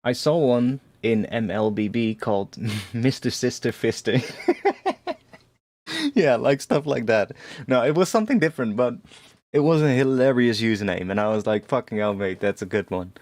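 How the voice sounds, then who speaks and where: A man's voice: medium pitch, lively intonation, normal speed, pauses often, darkish tone, dry recording. A young man chatting casually on a livestream, rambling with frequent swearing and laughs as he gives feedback on music tracks. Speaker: music producer streamer giving feedback.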